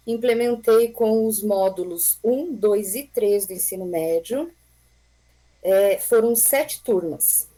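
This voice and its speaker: Mellow-voiced teacher explaining calmly. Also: female voice, medium pitch, low-quality recording. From Brazil. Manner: unhurried, explanatory, with light laughs. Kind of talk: presenting a class project online. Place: home. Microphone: computer microphone on a video call.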